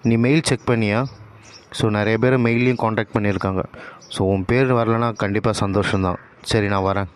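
A man's voice: on the low side, steady tone, brisk, clear, resonant tone, lightly acted. A man voicing a matter-of-fact female office colleague in a cartoon story, with a Tamil Nadu accent and English phrases.

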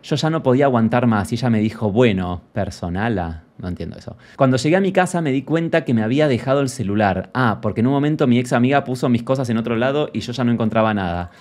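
A man's voice: medium pitch, expressive, fast talker, few pauses, a little mellow, close to an everyday voice. A man playing a brash, gossipy Rioplatense gal pal. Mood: mocking. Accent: Rioplatense Spanish. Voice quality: camp and theatrical, mocks the story as he reads. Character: gossipy, brash female friend character. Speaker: comedy creator reading viewer anecdotes in character. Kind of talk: character comedy monologue.

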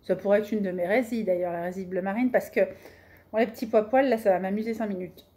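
A woman's voice: medium pitch, fairly even intonation, fast talker, dark tone. A middle-aged woman chatting casually through a fabric haul on her sewing vlog, colloquial and self-mocking, with plenty of fillers as she goes. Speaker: sewing vlogger.

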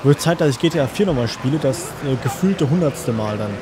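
A man's voice: medium pitch, animated, fairly quick, noisy background. A young man with a German accent giving casual, crude, joking let's-play commentary to his viewers. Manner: joking, crude, talks to viewers, sings along.

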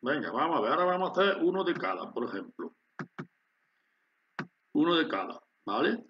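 Man narrating a screen tutorial, slightly high voice. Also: sing-song, fairly quick. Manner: explanatory, addresses viewers with frequent "¿vale?". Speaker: instructor demonstrating a factory simulation. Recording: dull lo-fi sound with faint hiss.

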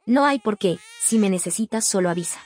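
A woman voicing a kind female daycare caregiver who speaks gently and helpfully. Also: medium pitch, expressive, a little fast, pitched below the performer's own voice, lightly acted. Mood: gentle. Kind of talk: game role-play acting.

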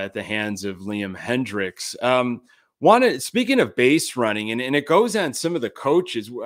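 A man's voice: on the high side, fairly bright tone. A man in his thirties hosting a sports podcast from a home studio, talking in a casual, frank way with lots of fillers. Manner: conversational, many fillers, frank and critical. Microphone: large desk mic on camera.

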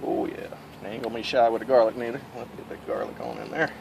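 Middle-aged Southern male vlogger, folksy and easygoing, mid-pitched, camera-mic sound with clear insect noise. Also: quick pace. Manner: folksy, relaxed, self-amused. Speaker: cooking channel host. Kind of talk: casual cooking vlog narration. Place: backyard outdoors, then indoors at home. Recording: insects and crickets behind.

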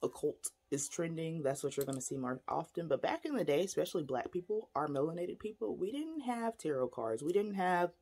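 A woman's voice: sits low, animated, a little fast, hardly any pauses, mellow, slightly rough. A woman casually explaining divination tools to camera in a chatty, rambling way, showing objects as she talks. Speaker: spiritual teacher. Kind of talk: casual teaching vlog.

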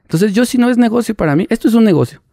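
Mexican man, thirties, gravelly voice, lively storyteller, dry close mic. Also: high voice, rapid-fire, no room sound. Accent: Mexican Spanish. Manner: animated, acts out quoted voices, laughs mid-story. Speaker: paparazzi guest. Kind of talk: casual interview storytelling.

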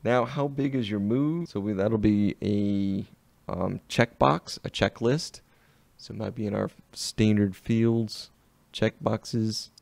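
A man with a Southern US accent giving an unhurried, step-by-step walkthrough of a web design tool in a screen-recorded tutorial. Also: lowish voice, gravelly, darkish tone, no echo.

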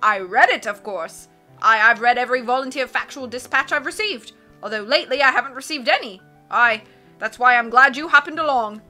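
A woman voicing a blustering, excitable male submarine captain from a storybook, roaring and constantly changing his mind. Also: fairly high pitch, faint music behind. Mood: blustering, scatterbrained. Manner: roaring, self-contradicting, rapid changes of mind.

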